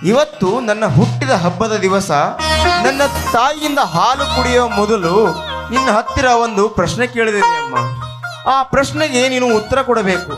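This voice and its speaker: A man's voice: very high voice, expressive, moderate pace. An actor playing a remorseful son on a village stage, declaiming and pleading with his mother over live music. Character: remorseful grown son confessing a grave wrong. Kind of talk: emotional village stage drama.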